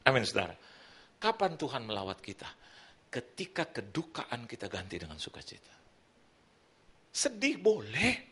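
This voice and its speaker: A middle-aged male pastor preaching a sermon, telling a personal testimony with lively storytelling and acted-out quotes, moving between loud and soft. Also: medium pitch, normal speed, long pauses, breathy edge. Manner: animated storytelling, acts out quoted voices, swings loud and soft. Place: church hall.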